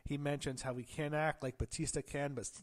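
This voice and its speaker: Under the weather, his voice slightly off, this wrestling show reviewer rambles through a casual recap in a fairly high, fairly even voice at a fairly quick pace. Self-corrections and "uh" fillers come often, and now and then he pauses to gasp or clear his throat.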